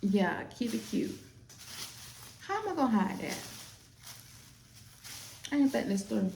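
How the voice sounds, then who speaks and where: A woman chatting casually while doing makeup, retelling a movie in a sassy, animated way. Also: fairly high pitch, a little slow, creaky, roomy sound, a little hiss or hum. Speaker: makeup artist.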